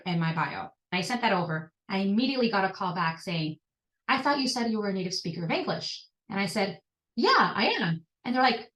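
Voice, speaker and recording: Bright Venezuelan-accented woman, roomy and distant. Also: mid-range voice. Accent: Venezuelan Spanish. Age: 30s. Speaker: guest. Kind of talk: personal storytelling in a podcast interview.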